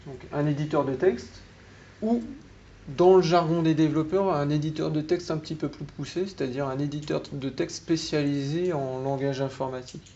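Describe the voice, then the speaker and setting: A man's voice: fairly high pitch, moderate pace, mellow. A man with a French accent giving a tech meetup talk to an audience, explaining things patiently and putting questions to the listeners. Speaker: meetup speaker. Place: meeting room. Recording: slightly dull room recording with faint noise.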